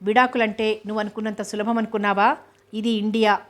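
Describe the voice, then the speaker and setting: Grave, firm husband in a storybook reading, read by a woman, flat delivery. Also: mid-range voice, natural voice. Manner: calm, measured, firm. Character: grave, steady Indian husband, a man. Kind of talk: audiobook novel reading.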